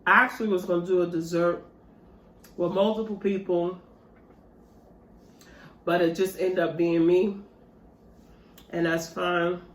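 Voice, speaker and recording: A low-ish female voice comes through flat and measured, with frequent pauses. She's a vlogger casually and animatedly talking to her viewers over dessert at home, a mukbang chat recorded in an echoey room.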